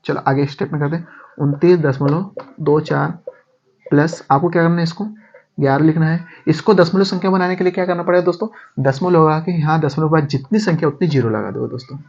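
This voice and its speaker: A man's voice: fairly high pitch, rapid-fire, few pauses, a little mellow. A man teaching maths in a casual step-by-step lesson, calling viewers friends and asking rhetorical questions as he goes. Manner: addresses viewers as friends, repeats steps, asks rhetorical questions. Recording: dull lo-fi sound.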